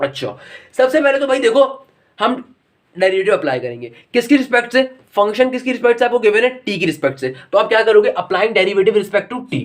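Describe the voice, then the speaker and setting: A man giving a recorded maths lecture, talking to his students in a fatherly, lecturing way and slowing down to read out formulas. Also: extremely high pitch, big pitch swings. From Pakistan. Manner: slows right down when reading out formulas. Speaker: maths teacher.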